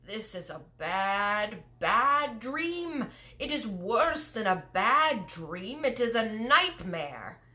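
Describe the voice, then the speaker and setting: A big, friendly giant with muddled grammar and made-up words, voiced by a woman reading aloud. He sounds bright and springy, and his pitch leaps about as he fusses and frets. He is a storybook figure who is easily excited. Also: slow pace, exaggerated voice. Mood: distressed, frantic. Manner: mangled grammar and invented words.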